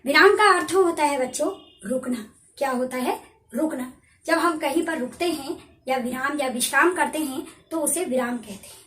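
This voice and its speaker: A woman's voice: high voice, moderate pace, fairly bright tone. A woman teacher giving a recorded grammar lesson to students. She explains patiently, repeats her points and asks and answers her own questions. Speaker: school teacher. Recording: echoey room.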